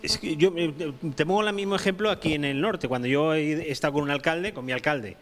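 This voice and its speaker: A man's voice: fairly high pitch, fairly quick, a little hiss or hum. Emphatic man at a panel. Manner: emphatic, repeats points, many restarts. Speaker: panel speaker. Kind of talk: round-table talk.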